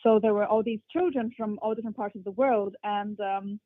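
A young adult woman, a flautist guest whose first languages are English and Portuguese, answers interview questions thoughtfully in a mixed international English accent. Her mid-range voice is steady and a little fast, with fillers and restarts. The dry recording comes over a tinny, phone-like line.

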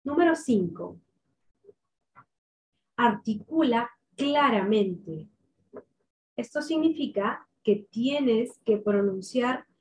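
Slow, clearly articulating woman coach. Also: on the high side, darkish tone. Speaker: voice and public speaking coach. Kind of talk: instructional tips to camera.

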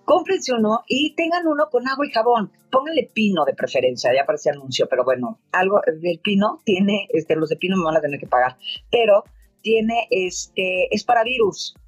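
A woman's voice: a little high, slightly rough. A Mexican woman who leads a codependency support group, giving rambling, chatty advice full of fillers. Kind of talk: casual advice talk. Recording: dull lo-fi audio with faint music.

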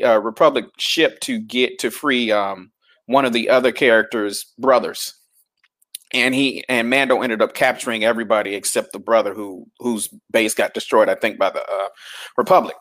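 A man hosting a stream, casually recapping an episode and acting out the characters' lines as he goes. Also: medium pitch. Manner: animated retelling that acts out the characters' lines. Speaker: stream host.

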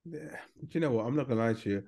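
A man's voice: mid-range voice, animated, rapid-fire, dark tone. Blunt dismissive London man. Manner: blunt, dismissive, talks over others. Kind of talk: heated podcast debate.

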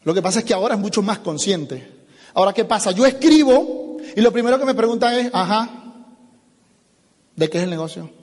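A man giving an animated motivational business seminar talk, acting out little dialogues as he goes. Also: high-pitched, fast talker, in a large hall. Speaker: business speaker.

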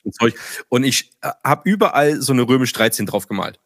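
A man in casual chat, telling lively stories, acting out dialogue and swearing freely. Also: medium pitch, brisk, no room sound. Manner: animated storyteller, acts out dialogue, swears casually.

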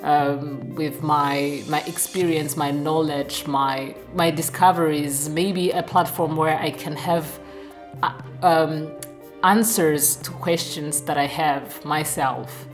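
Low-voiced woman with a Burundian accent. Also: fairly even intonation, slow, over music. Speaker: radio show participant telling her story. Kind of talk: casual conversational storytelling.

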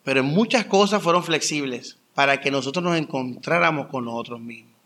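A young adult man preaching a conversational sermon, telling stories with lively rhetorical questions. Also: mid-range voice, brisk, slight background noise. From Colombia. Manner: animated storytelling with rhetorical questions. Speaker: pastor.

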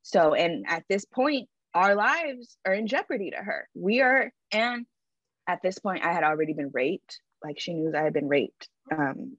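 A woman's voice: lowish voice, dry recording, low-quality recording. A woman guest on a podcast, telling a personal story in a candid, emphatic way, often adding "like" and "right?".

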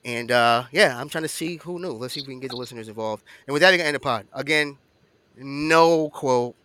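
A man's voice: mid-range voice, fairly quick, bright, forceful tone, no echo. A man co-hosting a podcast in loose, rambling casual chat, often correcting himself mid-sentence. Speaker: podcast co-host.

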